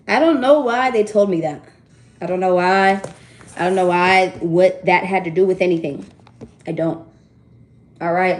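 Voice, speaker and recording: A woman giving a casual tarot reading to her viewers, chatty and animated, laughing often and swearing freely. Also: medium pitch. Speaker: tarot reader. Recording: roomy echo.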